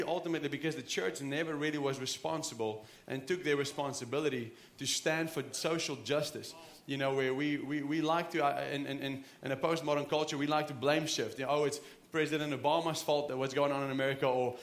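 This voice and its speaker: The pastor's voice is on the high side and echoes through the church sanctuary. He's a man in his thirties with a South African accent. His sermon is earnest and conversational, with frequent restarts.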